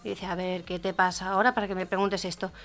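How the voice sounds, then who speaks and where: A woman hosting a radio comedy show, telling jokes briskly and laughing at the punchlines. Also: medium pitch, level tone, fairly bright tone, faint music behind.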